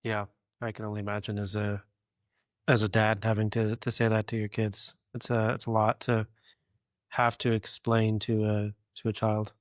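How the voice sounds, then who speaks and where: A man hosting a conversational interview, speaking in a measured way and rephrasing his questions as he goes. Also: on the low side, monotone, no echo, studio quality. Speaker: interviewer, host.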